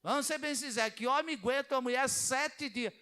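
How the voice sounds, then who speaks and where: A male pastor preaching a sermon in an animated way, acting out the people he quotes. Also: very high-pitched, a little fast.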